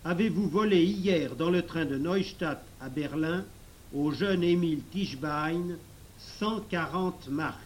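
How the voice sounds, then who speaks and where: A man's voice: on the high side, slow, a little hiss or hum, pitched above the performer's own voice. A man reading a storybook and voicing a stern police commissioner who barks curt orders.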